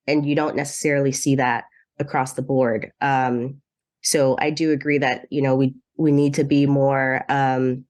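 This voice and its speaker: A young adult woman from Zambia, raised in the US, hosts a podcast and talks casually with many fillers in a casual interview chat. Her voice is extremely low in pitch and a little mellow.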